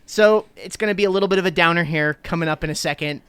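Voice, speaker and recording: This fast-talking New Jersey man in his thirties has a fairly bright, clean voice on the high side, recorded dry. As a podcast co-host in casual chat, he's enthusiastic and rambles, using lots of fillers.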